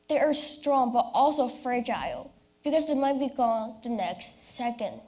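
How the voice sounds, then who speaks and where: A young woman delivering a rehearsed, memorized competition speech as a personal story, with deliberate, theatrical phrasing and dramatic pauses. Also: fairly high pitch, lively intonation, a little mellow. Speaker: youth speech competition contestant.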